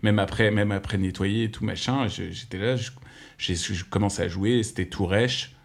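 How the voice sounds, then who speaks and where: A young man co-hosting a podcast in relaxed chat, rambling and correcting himself as he goes. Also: lowish voice, normal speed, vocal fry. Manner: rambling, self-correcting, laughs often. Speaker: podcast co-host, bassist. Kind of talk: casual chat.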